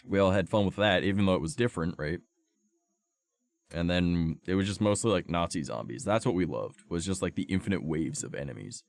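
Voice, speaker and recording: A man's voice: low-pitched, expressive, fairly quick, vocal fry, no room sound. A young man streaming, with a sore throat and a cough, rambling through a profane casual story full of fillers. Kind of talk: casual chat to stream viewers.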